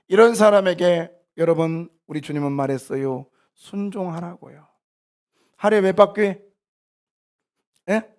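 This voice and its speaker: Gravelly, high-voiced man preaching. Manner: animated preaching, swings from quiet asides to loud exhortation. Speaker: pastor. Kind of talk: sermon. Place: church sanctuary.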